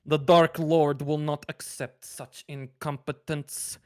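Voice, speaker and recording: A man's voice: on the high side, flat delivery, slow pace, a little mellow. A man doing a stern Russian-accented villain. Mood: menacing. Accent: Russian (put on). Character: menacing letter writer with a Russian accent.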